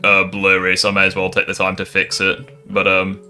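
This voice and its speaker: A man on his own channel rebutting critics in casual, profane commentary. His voice sits a bit low but has a bright, forceful edge. Faint music plays beneath. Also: monotone, moderate pace. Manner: irreverent, swears, rambling asides. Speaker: YouTuber responding to critics.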